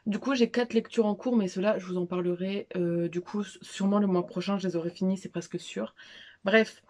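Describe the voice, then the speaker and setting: A woman's voice: medium pitch, fairly even intonation, a little fast, darkish tone. Chatty young woman, casual slangy vlog. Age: young adult. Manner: chatty, informal, many fillers and restarts; self-deprecating asides. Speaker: book vlogger. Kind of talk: casual monthly reading recap.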